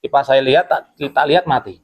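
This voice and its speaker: A man's voice: mid-range voice, a little fast. A man, a former security guard telling a ghost story in a casual podcast chat and acting out his coworkers' words. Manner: animated, acts out quotes from coworkers.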